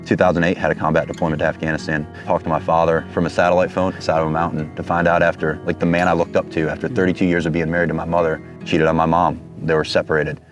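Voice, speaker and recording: A man in his thirties from Detroit, a Marine captain giving an earnest, halting personal testimony. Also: low-pitched, little pitch movement, music in the background. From Detroit, Michigan, USA. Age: 30s. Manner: earnest, halting, searching for words.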